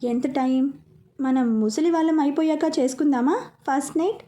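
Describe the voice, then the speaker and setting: Woman reading as a flirty teasing guy in a love story audio, playful, mellow tone. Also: sits high, fairly quick, natural voice.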